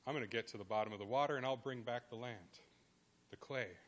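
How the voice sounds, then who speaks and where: A determined male otter from an animal legend speaks with confidence, as a man voices him. The tone is bright and stays near the narrator's natural voice. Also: mid-range voice, fast, close to an everyday voice.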